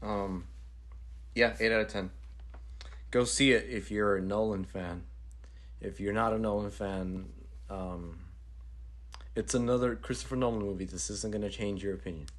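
Lower-voiced man giving a playful review. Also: fairly even intonation, normal speed. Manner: playful, jokey, enthusiastic. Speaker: podcast co-host. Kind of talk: casual movie review chat.

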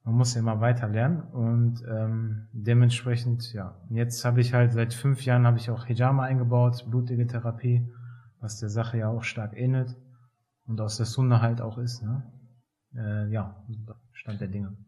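A man in his thirties from Germany, a physiotherapist talking as a podcast guest in a relaxed way, with many fillers and hesitations. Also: medium pitch, normal speed. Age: 30s. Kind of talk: casual interview talk.

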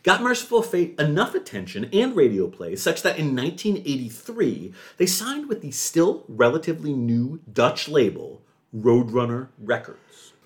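A man hosting a music podcast, talking with theatrical enthusiasm and jumping into high excited yelps. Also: normal speed. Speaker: podcast host.

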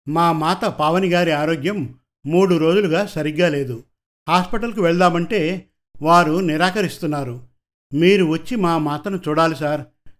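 A man's voice: fairly high pitch, close to an everyday voice. A man voicing a tearful, pleading ashram helper. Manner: pleading, humble. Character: tearful middle-aged male ashram helper, devoted.

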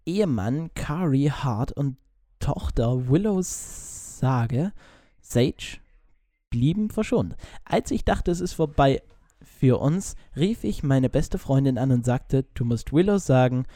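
Chatty man with a mellow, dry voice. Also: mid-range voice, animated, slow, dry recording. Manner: chatty, jumps between topics, stumbles and restarts. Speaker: podcast co-host reading news. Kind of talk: casual chat.

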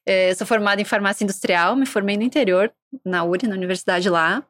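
Woman with a soft southern Brazilian accent. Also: medium pitch, fast talker, no room sound, studio quality. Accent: southern Brazilian (Rio Grande do Sul), softened. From interior of Rio Grande do Sul, Brazil. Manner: relaxed storytelling with frequent "né?" tags. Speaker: guest, regulatory specialist. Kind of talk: casual podcast interview. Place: podcast table at an office.

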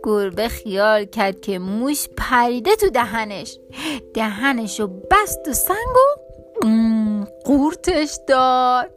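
A woman reading a children's storybook aloud in a lively, expressive way. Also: high voice.

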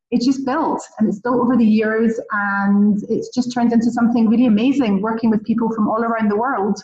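A chatty Scottish woman from Scotland, a relocation concierge appearing as a podcast interview guest, tells stories with enthusiasm. Her voice is fairly high with a darkish tone, and she sounds distant, echoey, and muffled in a roomy recording.

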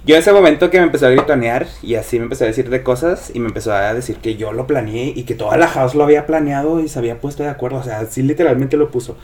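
A podcast co-host tells gossip in a casual chat, animatedly acting out the quoted voices. He talks fast at a medium pitch with hardly any pauses, and there's a little hiss or hum.

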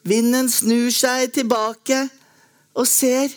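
A woman reading a lyric poem aloud in a slow, measured, lyrical way with long pauses. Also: on the high side, level tone. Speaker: poetry reader.

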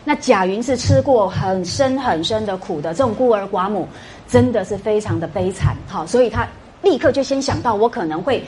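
A woman's voice: medium pitch, lively intonation, normal speed, darkish tone, faint music behind. A middle-aged woman giving a classroom lecture, quizzing her students with rhetorical questions and tag particles. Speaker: university lecturer.

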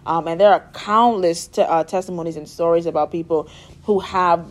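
Her voice is fairly low and her speed normal as this young Bahamian woman chats casually in an interview. A music therapy student and guest, she's bubbly, with frequent laughter and fillers.

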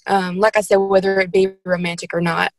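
A woman in her late twenties speaking in a soft-spoken, somewhat hesitant way as a panel guest. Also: medium pitch, flat delivery, fairly quick, no echo, rough recording. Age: late 20s. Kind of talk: casual discussion.

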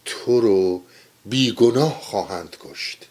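A man's voice: fairly low pitch, a little mellow, slight background noise, lightly acted. A man voicing a blunt, impatient wife who scolds and complains. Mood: scolding.

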